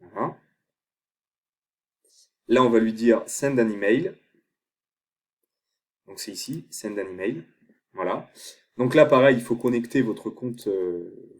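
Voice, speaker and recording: A man explaining a software tutorial step by step, thinking aloud as he clicks through screens. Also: fairly low pitch. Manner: thinks aloud while clicking, many fillers. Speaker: online tutor.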